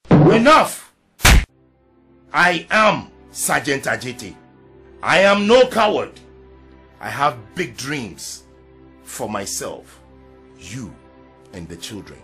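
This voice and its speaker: An actor with a Ghanaian English accent playing a proud ex-soldier sergeant who leads a protest, speaking in a raspy, forceful, speechmaking way. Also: male voice, on the low side, sing-song, slow, long pauses, over music. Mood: defiant. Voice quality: raspy, gravelly. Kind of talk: period drama acting.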